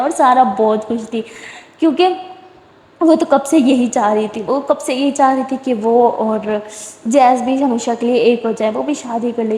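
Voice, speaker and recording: Brief: woman storyteller, chatty run-on retelling, high mellow voice. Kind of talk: casual story narration. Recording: echoey room with long reverb.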